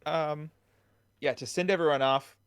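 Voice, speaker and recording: A man's voice: on the high side, fairly even intonation, a little slow, clear, resonant tone. A man co-hosts a casual gaming podcast, joking around with goofy asides. His voice is recorded close and dry, without any room echo. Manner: playful, jokey, goofy asides. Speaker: podcast co-host.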